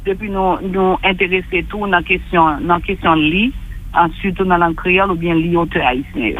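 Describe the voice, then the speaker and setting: A man with a Haitian accent, speaking on a radio talk show over a telephone line, halting and often repeating himself as he restarts. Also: high voice. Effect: heard over a telephone line. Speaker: guest reporting by phone. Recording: narrow tinny phone line.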